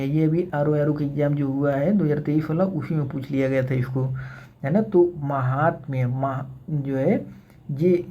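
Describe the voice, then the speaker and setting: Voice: mid-range voice, dark tone. A teacher giving an exam-prep grammar lesson, repeating each word and checking in with the listeners. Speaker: Hindi teacher for exam preparation. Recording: dull lo-fi sound.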